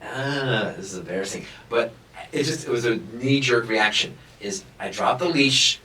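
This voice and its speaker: Bright-voiced man telling jokey stories. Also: mid-range voice, moderate pace. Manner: jokey storyteller, self-mocking. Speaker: podcast guest. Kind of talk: casual podcast chat. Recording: roomy, distant mic, faint noise.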